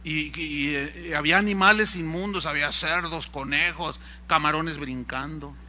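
Bright, high-voiced preacher. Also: male voice, normal speed, slight background noise. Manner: animated, ironic, rhetorical questions to the congregation. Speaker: pastor. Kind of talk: sermon.

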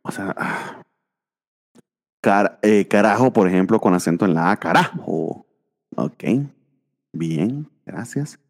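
A man's voice: low voice, takes it slowly, pauses often, darkish tone, big-room sound. A man co-hosting a casual podcast about comic books, rambling with many fillers. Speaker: podcast co-host.

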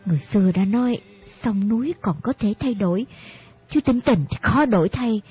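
A woman's voice: mid-range voice, animated, normal speed, slightly rough. A woman reading a young woman's lines in an audiobook, with a coaxing, playful, pleading manner. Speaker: voice actress in an audiobook. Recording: muffled audiobook with faint music.

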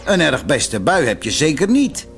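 A man's voice: a little high, huge pitch swings, normal speed, soft background music, voice pushed up. Man playing a castle guard, chatty, indignant, scolding, storybook. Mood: reproachful.

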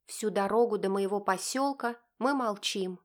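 A woman narrating a first-person novel audiobook in a steady, even storytelling manner. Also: mid-range voice, normal speed.

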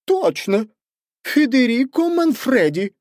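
A man's voice: on the high side, sing-song, slow pace, no room sound, clean studio sound, pitched above the performer's own voice. A man doing an indignant, blustering townsman. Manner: loud, accusing, blustering. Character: indignant middle-aged townsmen accusing a thief.

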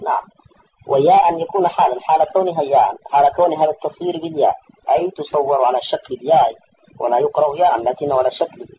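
A man's voice: a little high, quick pace, highs cut off, slight background noise. A man teaching a classical grammar text, patiently explaining points and correcting his student. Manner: patient, repeats and corrects the reader, asks checking questions.

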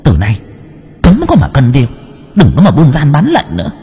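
A man's voice: mid-range voice, huge pitch swings, moderate pace, warm tone, breathy edge, big-room sound, faint music behind, voice pushed up, exaggerated voice. A man voicing a stern possessed spirit medium who scolds and lectures the people who come to ask questions, in an audiobook. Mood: stern scolding. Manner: scolding, commanding. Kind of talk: audiobook character voice.

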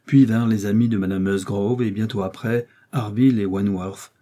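A man reading a classic novel aloud as audiobook narration, in a steady, even manner. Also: fairly low pitch, normal speed. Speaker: audiobook reader.

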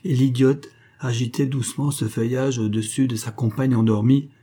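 A man narrating a classic novel as an audiobook in a calm, even reading. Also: medium pitch, moderate pace.

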